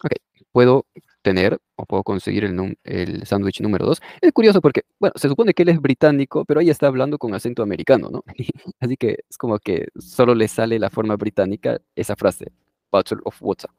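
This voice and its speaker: A man's voice: mid-range voice, animated, a little fast, gravelly, mellow, no echo, clean studio sound. A man teaching an English class who explains in a conversational way and often checks in with his listeners. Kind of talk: explaining a lesson.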